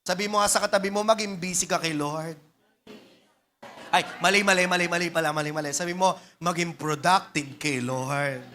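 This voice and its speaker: A man's voice: on the high side, fairly even intonation, normal speed, pushed and bright. A man with a Filipino accent preaching a sermon in a call-and-response manner, mixing Tagalog and English. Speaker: pastor.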